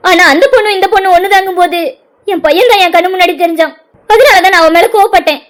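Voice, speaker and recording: A woman's voice: very high-pitched, fast, fairly bright tone. A woman voicing a defensive middle-aged mother in a cartoon drama, pleading and justifying herself.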